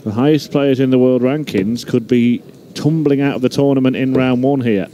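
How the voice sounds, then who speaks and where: A man's voice: medium pitch, normal speed, dark tone. A man giving live sports commentary as a darts commentator.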